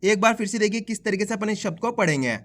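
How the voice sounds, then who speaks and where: A man teaching Hindi reading in a voice-over, sounding out each letter and then saying the joined word louder, patient and encouraging with his viewers. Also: high voice, animated, fast talker. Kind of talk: slow spelled-out phonics lesson.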